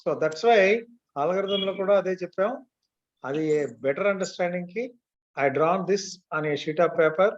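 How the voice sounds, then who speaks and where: The lo-fi, muffled recording captures a high-voiced man with a Telugu Indian accent delivering an online lesson at rapid-fire speed. He mixes Telugu with English, builds the lesson step by step, and regularly confirms that students are keeping up.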